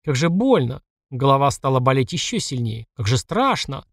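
A man reading a first-person audiobook, who delivers the system messages in a clipped, flat report tone. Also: medium pitch, normal speed, gravelly, no echo, studio quality. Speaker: audiobook narrator.

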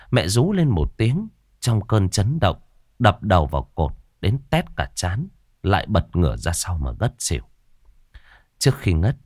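A man's voice: low voice, dry recording, studio quality. A man narrating a ghost story in a dramatic, emotive storytelling manner.

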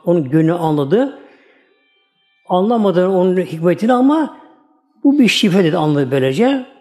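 Religious teacher guy, highish soft mellow voice, folksy storytelling talk, repeats himself a lot. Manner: folksy, repetitive retelling.

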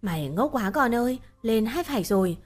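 A woman voicing a bossy middle-aged village woman who scolds loudly. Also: a little high, expressive, a little fast, breathy edge. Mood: scolding. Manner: loud, scolding, exclamatory.

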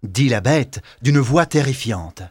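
Expressive male audiobook narrator. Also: mid-range voice, takes it slowly, slightly rough, dry recording, studio quality.

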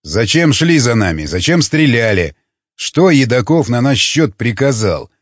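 Curt, demanding male leader, voiced by a male reader; husky, lo-fi. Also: medium pitch, big pitch swings, measured pace, dry recording. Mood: stern. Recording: dull lo-fi recording.

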